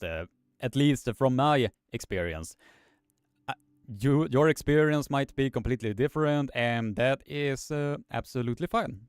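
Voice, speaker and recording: A man's voice: mid-range voice, clean tone, no echo, studio quality. A man hosting a live stream, reading chat comments aloud in a hesitant way, with many filler sounds.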